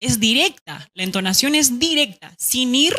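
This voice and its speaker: A woman teaching a grammar lesson online, lively and acting out example sentences, checking in with "¿ya?". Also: a little high, moderate pace.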